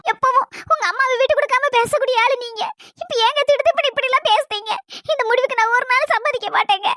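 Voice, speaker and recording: Woman as squeaky young kanyakumari wife, talks fast, dry close sound. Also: bright, forceful tone, no room sound, soft background music. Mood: pleading. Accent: Kanyakumari Tamil. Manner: quick, shrill, emphatic. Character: young village wife, earnest and pleading. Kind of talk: comic family skit.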